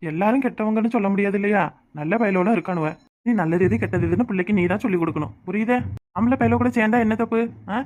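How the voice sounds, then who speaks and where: A woman voicing a calm, reasonable village father in a cartoon, with a Tirunelveli Tamil accent. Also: medium pitch, quick pace, natural voice. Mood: reasoning. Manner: soothing, reasoning. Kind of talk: cartoon voice acting.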